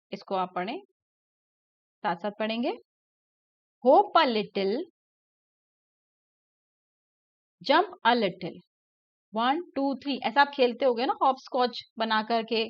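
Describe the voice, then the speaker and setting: A woman teacher talks slowly and patiently, sounding out letters and repeating simple words for young children. Her voice sits a little high. The recording is slightly dull and lo-fi. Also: no room sound. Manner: mixes Hindi explanation with English words. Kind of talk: explaining a textbook lesson to young pupils.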